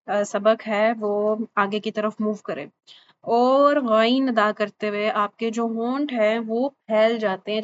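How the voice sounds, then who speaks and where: A woman teaches tajweed, drawing out each letter and pausing to check that her students follow. The recording is a little dull and lo-fi, with faint room ambience behind her. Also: fairly high pitch, a little hiss or hum. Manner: patient, repeats each sound slowly and checks with "thik hai?". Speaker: Quran recitation teacher. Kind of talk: online tajweed lesson.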